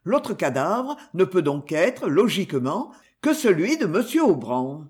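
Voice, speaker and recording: A man's voice: high-pitched, big pitch swings, a little slow. A man doing a suave, mocking detective. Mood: calm ironic. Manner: mocking, self-assured. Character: suave ironic male detective, coolly triumphant. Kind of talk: audiobook reading.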